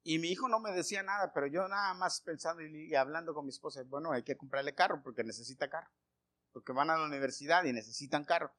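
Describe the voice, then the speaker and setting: A middle-aged man preaching a sermon, telling homely stories and firing questions at the congregation, swinging from loud calls to quiet asides. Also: on the high side, fast talker. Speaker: pastor.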